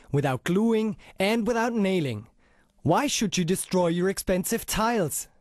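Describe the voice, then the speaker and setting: High-pitched male hard-sell infomercial announcer. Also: a little mellow, no room sound, studio quality. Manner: emphatic sales pitch with rhetorical questions.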